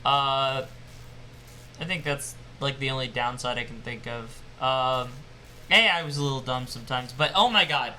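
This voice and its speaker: A man's voice: mid-range voice, moderate pace, bright, forceful tone, a little hiss or hum. A young man giving casual, enthusiastic game commentary as the channel host. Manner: enthusiastic, rambling with fillers. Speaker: gaming YouTuber.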